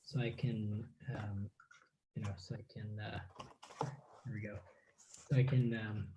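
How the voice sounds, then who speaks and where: A man guest on a video call, talking in a relaxed, halting way as he crafts and thinks aloud. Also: on the low side, noisy background. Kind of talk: casual chat while crafting.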